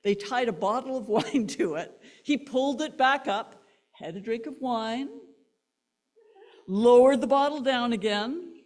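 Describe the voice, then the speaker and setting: A woman pastor, delivering a sermon as an animated story and laughing between lines. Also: a little high, unhurried.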